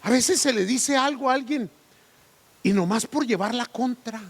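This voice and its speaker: A man's voice: extremely high pitch, moderate pace. A man, preaching a sermon as pastor, full of rhetorical questions. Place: church sanctuary. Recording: long church hall reverb.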